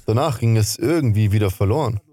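A man interpreting a sermon into German, speaking in an earnest, measured way. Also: fairly low pitch, warm tone, husky, no echo, clean studio sound.

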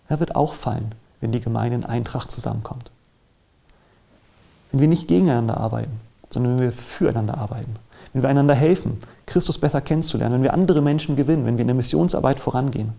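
Male preacher, earnest and measured; gravelly, warm low tone. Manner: earnest, measured preaching, reads scripture aloud with rising emphasis. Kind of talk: sermon.

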